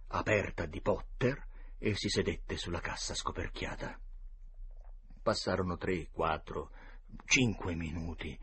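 Husky, expressive male storyteller. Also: on the low side. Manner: dramatic, expressive reading. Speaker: reader. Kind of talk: storybook narration.

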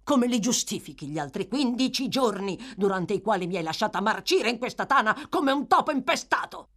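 A woman's voice: mid-range voice, expressive, a little fast, a bit bright, pitched above the performer's own voice. A woman voicing a sick, bitter male thug who growls and snarls with contempt in a storybook reading. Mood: surly.

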